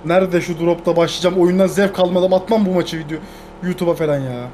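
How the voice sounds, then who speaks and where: A woman gaming YouTuber chatting casually during gameplay, often shouting in exasperation. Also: fairly low pitch, steady tone, fast talker, a little hiss or hum.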